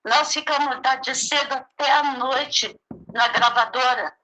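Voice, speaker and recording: A woman's voice: high-pitched, fairly even intonation, unhurried, sharp tone, poor audio. A middle-aged Brazilian woman, a gospel singer, telling a story in a casual interview, laughing often and acting out the voices she quotes. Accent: Brazilian Portuguese. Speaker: gospel singer and songwriter, guest.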